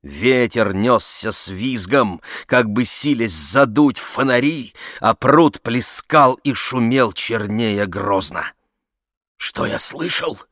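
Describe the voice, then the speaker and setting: Чтец-мужчина, драматичное размеренное чтение, без эха. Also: male voice, mid-range voice, expressive, takes it slowly, few pauses, fairly bright tone, no echo, clean studio sound. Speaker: audiobook narrator. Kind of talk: scripted narration.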